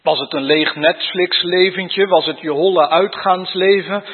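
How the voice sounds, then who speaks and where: A man delivers a sermon in an earnest, searching manner, speaking slowly and pointing each question at his listeners. His voice sits high and has a husky grain. The recording is dull and carries the long reverb of a church hall. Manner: earnest, probing rhetorical questions to the congregation. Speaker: preacher.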